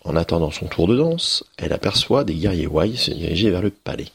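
Male teacher narrating a children's tale; deep, very husky, lively melody. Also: brisk, no room sound. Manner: expressive storytelling. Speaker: schoolteacher. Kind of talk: reading a children's story aloud.

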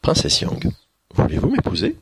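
A man's voice: medium pitch, huge pitch swings, normal speed, noisy background, voice pushed up. A man voicing a brave young prince in a storybook reading for children. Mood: heroic.

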